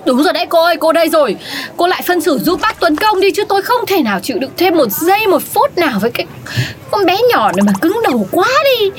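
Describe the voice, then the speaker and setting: A woman's voice: extremely high pitch, big pitch swings, quick pace. A woman voicing a feisty, meddling older woman café owner who scolds and bosses others in a comedic audio drama. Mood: scolding. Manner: bossy, scolding, swooping.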